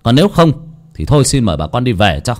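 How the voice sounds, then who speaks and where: A man's voice: medium pitch, sing-song, quick pace, soft background music, lightly acted. A man voicing a stern older village chief who scolds and lectures the villagers with authority. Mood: lecturing.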